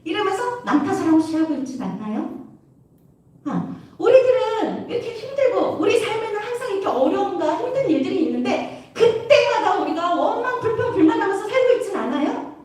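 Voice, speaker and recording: A woman youth preacher giving a lively sermon to young people, constantly asking her listeners questions. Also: extremely high pitch, fairly quick. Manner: animated, keeps asking the audience questions. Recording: echoey hall from far off.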